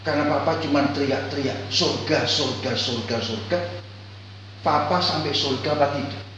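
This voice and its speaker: A man voicing a young boy who asks his father soft, tearful questions. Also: fairly high pitch, normal speed, slight background noise, natural voice. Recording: echoey church hall, far mic.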